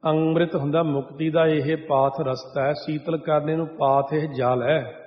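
A man preaching a sermon who slips from slow, melodic chanting of scripture into plain spoken explanation. His voice sits a little high for a man. It rings out with a long echo through a big hall, and the recording sounds dull and lo-fi. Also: steady tone.

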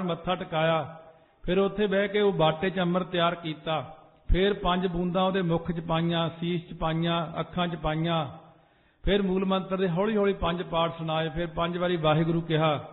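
Sikh preacher guy exhorting the congregation, high voice, tinny lo-fi recording. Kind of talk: sermon with sung phrases. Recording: phone-like echoey hall recording.

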